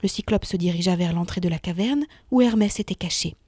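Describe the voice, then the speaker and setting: A woman narrating a children's myth story in an expressive reading voice that sinks to a hush in tense moments. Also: lowish voice, a little fast, breathy edge, no room sound, clean studio sound.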